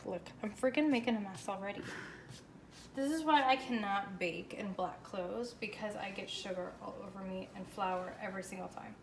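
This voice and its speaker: An American woman chatting casually and enthusiastically through a home baking demonstration in an informal, chirpy way. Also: on the high side. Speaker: host of a home baking show. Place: indoors, home kitchen. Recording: echoey room with faint background noise.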